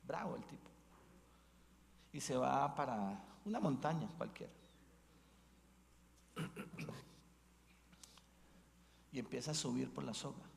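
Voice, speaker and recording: A man delivers a sermon as a bishop, his voice sitting at an ordinary middle pitch. He preaches in a storytelling way and often checks in with the congregation through tag questions. His words hang in a long church reverb. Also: expressive, slow, gravelly, pauses often, slight background noise. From Colombia. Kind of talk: Advent mission sermon.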